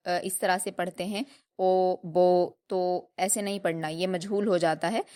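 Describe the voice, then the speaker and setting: A woman teaches recitation rules to her students at an even middle pitch. She explains patiently, one step at a time, and slows down to drill each sound. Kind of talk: tajweed lesson.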